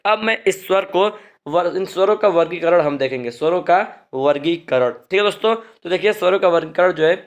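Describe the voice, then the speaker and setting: An animated male teacher, his voice pitched a little above the usual for men, delivers a grammar lecture, explaining patiently and repeating each point twice. He constantly checks in with viewers using "ठीक है ना" and "दोस्तों," and stretches vowels slowly when demonstrating sounds.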